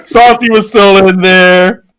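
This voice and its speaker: A man co-hosting a podcast in casual chat, animated and swearing freely. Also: high-pitched, slow, clear, resonant tone. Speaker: podcast co-host.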